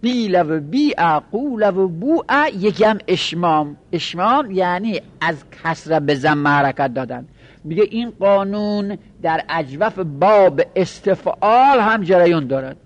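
High-voiced Luri-accented male teacher. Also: lively intonation. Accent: Luri Persian. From Lorestan, Iran. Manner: explains patiently, repeats each example, often checks the class follows. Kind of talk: classroom lecture on grammar.

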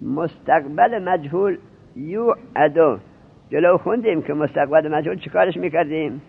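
A man teaching grammar, firing questions at his students and walking them through each rule. His voice sits a little high for a man. The sound is thin and narrowband, like an old phone line. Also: vocal fry, husky. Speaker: seminary teacher. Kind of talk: Arabic grammar lesson in Persian. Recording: tinny lo-fi narrowband recording.

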